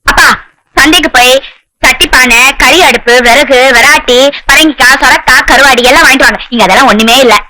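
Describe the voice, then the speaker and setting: Brief: a loud, stubborn young village bride, high and quick, old noisy film sound. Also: female voice, no room sound. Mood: bossy. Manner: shrill, wailing complaints. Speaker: new daughter-in-law.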